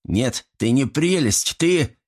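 A man voicing a small, rude male gremlin with a shrill, cheeky voice. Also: expressive, takes it slowly, slightly rough. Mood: squealing.

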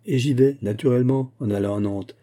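A man voicing a weary, fallen male minister in an audiobook, measured and solemn. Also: mid-range voice, mellow, natural voice. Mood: grave.

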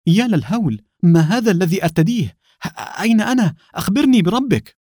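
A man's voice: high-pitched, fast talker, dry recording, clean studio sound, voice pushed up. A man reading aloud, voicing a cunning male secret agent who feigns shock and anger with theatrical flair. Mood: feigned shock. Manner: calm, then feigned shock and outrage.

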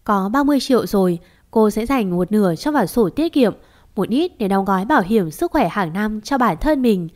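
Woman storyteller, mid-pitched, reads narration and acts out heated quarrels. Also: animated, moderate pace, darkish tone. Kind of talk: narrated audio story with acted dialogue.

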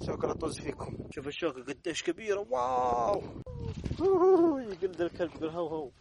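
A man with a Gulf Arabic accent coaxing small children in a playful, animated way at an outdoor playground. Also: sits high, brisk, vocal fry, noisy background. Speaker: vlogger. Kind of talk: casual talk to small children.

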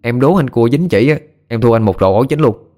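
A man's voice: mid-range voice, animated, brisk, mellow, pitched above the performer's own voice, natural voice. A man voicing a whiny teenage boy who grumbles and teases. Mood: teasing.

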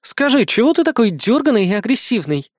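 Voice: medium pitch, very animated, brisk, no room sound, clean studio sound, voice pushed up. A reader voicing a tough young female agent in an audiobook, curt and commanding, with a mocking edge. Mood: stern, sarcastic. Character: tough young woman agent, stern and sarcastic.

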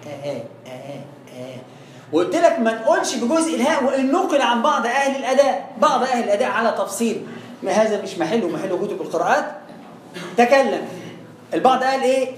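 Fast-talking Egyptian man teaching recitation. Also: extremely high pitch, echoey room. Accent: Egyptian Arabic. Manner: lively, acts out back-and-forth dialogues, teasing. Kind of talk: informal tajweed lesson.

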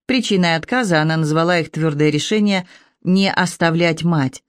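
Steady audiobook narrator, dry sound. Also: mid-range voice, normal speed, smooth, no room sound. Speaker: audiobook reader.

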